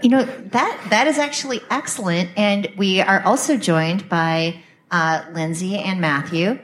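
A woman hosting a casual live podcast interview, speaking in a halting way and often restarting her sentences. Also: medium pitch, a bit bright. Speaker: podcast host. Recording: live room recording, faint noise.

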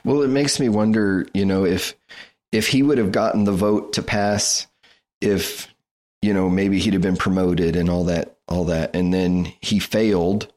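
A man's voice: low voice, steady tone, measured pace, a little mellow. A man co-hosting a podcast in casual chat, building his point step by step. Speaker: podcast co-host.

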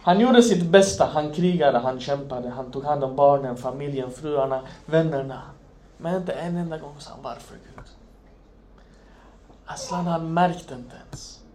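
A man preaching an Islamic sermon, impassioned, swinging from loud emphasis to hushed near-whispers. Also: a little high.

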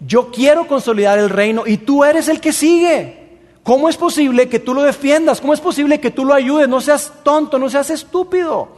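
A man's voice: very high voice, moderate pace, few pauses, long reverb tail, voice pushed up. A preacher acting out a furious scornful king. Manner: shouting insults, scolding.

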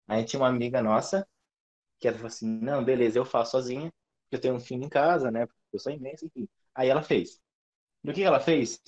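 A young man, telling school stories on a podcast with animated swearing and sudden pitch leaps. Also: quick pace. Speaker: podcast host. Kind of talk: casual storytelling chat. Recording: dull lo-fi audio.

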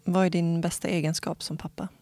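Woman interviewer, lowish voice, mellow tone, short calm questions. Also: no echo, studio quality.

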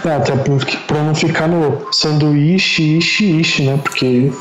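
A man's voice: fairly high pitch, fairly even intonation, measured pace, faint music behind. A man with a São Paulo accent co-hosting a podcast in casual, slangy chat, heard through dull lo-fi online call audio. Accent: São Paulo Portuguese. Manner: loose, slangy, swears freely. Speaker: podcast co-host. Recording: roomy, muffled remote call line.

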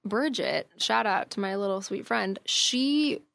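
Guesting on a podcast, a young woman talks in a relaxed, chatty way, laughing and using plenty of fillers. Her mid-range voice is a bit bright with vocal fry, and she speaks a little slowly.

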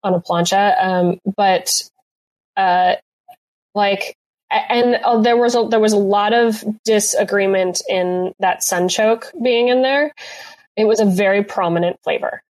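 A woman's voice: mid-range voice, unhurried, darkish tone. Woman chef chatting, lots of ums and restarts, regular mid voice. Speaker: chef guest recapping a cooking competition. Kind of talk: casual podcast chat.

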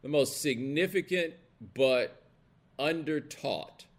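A slightly high-voiced American man takes his time as he hosts a live commentary show. The livestream is casual and opinionated, and he speaks bluntly and colloquially with emphasis, checking in with his listeners.

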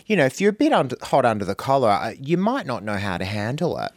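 Male radio co-host, cheeky, animated up-and-down voice, dry studio sound. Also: mid-range voice, quick pace, no room sound. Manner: playful and cheeky. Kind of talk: casual on-air banter.

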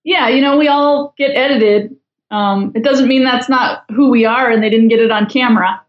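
A woman's voice: a little high, fairly even intonation, normal speed, roomy sound, dull audio. A woman guest in a casual podcast chat, talking with a wry, chatty, judgmental humor.

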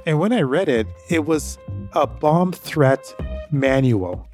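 A man's voice: a little high, lively intonation, slow pace, darkish tone, faint music behind. A man hosting a story podcast, telling a personal anecdote in a casual, rambling way that repeats itself. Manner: rambling, repeats himself, conversational. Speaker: podcast host.

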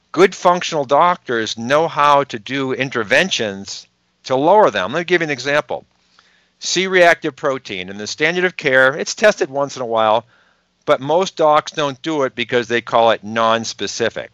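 Bright, emphatic man with a Boston accent. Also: mid-range voice, smooth, dry recording. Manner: emphatic, rhetorical questions, quick asides. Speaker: podcast guest, health researcher. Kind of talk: explanatory interview talk.

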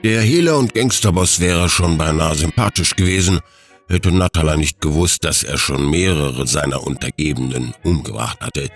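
A man narrating an audiobook story with expressive, scripted storytelling. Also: rumbling low, normal speed, faint music behind.

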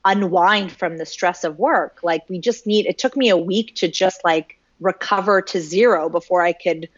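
A woman from Canada, with a voice lower than most, talks through an interview, lively and full of "like". The sound is dry and slightly muffled, as if from a remote call. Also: moderate pace, dry recording. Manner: animated, uses "like" often. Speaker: guest. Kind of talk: casual interview.

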